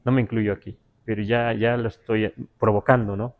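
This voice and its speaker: A man with a Mexican Spanish accent teaching a language class, halting with many fillers and spelling words out syllable by syllable. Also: lowish voice, little pitch movement, phone-quality sound. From Huasteca, Mexico. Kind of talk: live class explanation.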